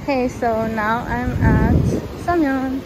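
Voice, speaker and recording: A woman's voice: a little high, fairly even intonation, takes it slowly, heavy background noise. A young woman in her twenties chatting casually to a handheld camera as she walks through streets and shops, giggly and full of fillers. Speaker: vlogger. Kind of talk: casual vlog chat to camera. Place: home kitchen, then streets, subway station and shops. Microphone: handheld camera at arm's length.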